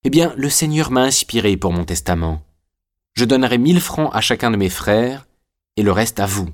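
A man's voice: mid-range voice, expressive, moderate pace, natural voice. A man reading the lines of a proud, anguished young prisoner in an audiobook, in a bitter, intense tone.

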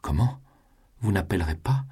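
A man voicing a passionate young noblewoman, speaking in sharp, rising outbursts. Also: low voice, steady tone, measured pace, husky, heavily acted. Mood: distraught.

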